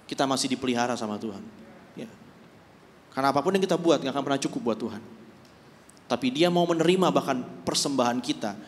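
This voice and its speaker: A man's voice: mid-range voice, slight background noise. A man preaching a sermon in a church, in a conversational but emphatic way, with many rhetorical questions. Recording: reverberant church hall.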